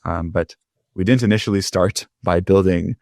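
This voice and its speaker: A young man from California, a startup founder guest in a casual interview, talking in a relaxed, rambling way with many fillers, calling in from home. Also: low-pitched, moderate pace, creaky, dry recording, studio quality. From California, Bay Area. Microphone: remote call.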